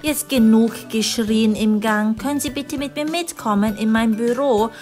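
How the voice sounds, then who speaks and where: A woman voicing a relaxed, blunt male doctor in a kids' animated story. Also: on the high side, a little slow, faint music behind, voice pushed down, natural voice. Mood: offhand. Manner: casual, dismissive.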